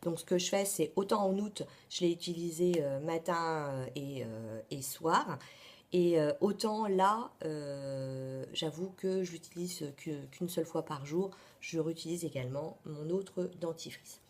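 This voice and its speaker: A woman talks to camera about her beauty favorites. Her voice sits a little low, and her delivery is chatty and full of pauses and asides. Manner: chatty, many hesitations and asides. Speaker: beauty vlogger. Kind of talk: casual beauty favorites vlog.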